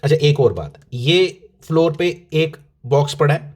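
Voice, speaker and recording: A male teacher with a slightly high voice, explaining a lesson to his students. He talks casually and directly, keeps repeating key points, and asks questions that he answers himself. His speech is full of English terms. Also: animated, unhurried. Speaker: physics teacher.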